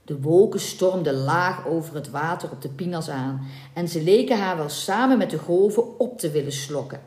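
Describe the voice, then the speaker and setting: A woman reading a legend aloud in a scripted storybook narration, dramatic and expressive. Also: sits low, normal speed. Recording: echoey room.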